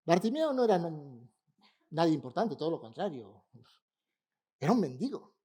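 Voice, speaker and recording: A man's voice: fairly high pitch, big pitch swings, moderate pace, mellow, husky. A man preaching a sermon in a church, conversational and humorous, speaking directly to the congregation. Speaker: pastor preaching. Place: church in Barcelona.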